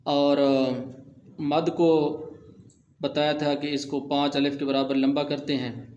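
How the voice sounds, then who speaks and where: A man teaching Quran recitation rules step by step, explaining plainly and then slowly chanting the example verses. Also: a little high, level tone, darkish tone. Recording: dull, muffled audio.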